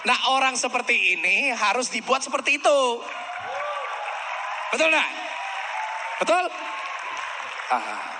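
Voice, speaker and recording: A man's voice: very high voice, big pitch swings, takes it slowly, pauses often, in a large hall, crowd noise, noisy background. A man giving a sales training seminar, acting out customer dialogues and often asking the audience to agree. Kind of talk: seminar lecture.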